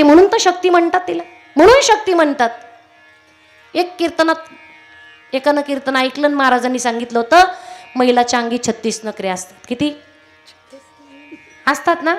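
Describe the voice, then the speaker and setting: A woman's voice: sits high, moderate pace, long pauses, faint music behind. A woman telling a story in a kirtan sermon, asking the audience questions and acting out the characters. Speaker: kirtan preacher.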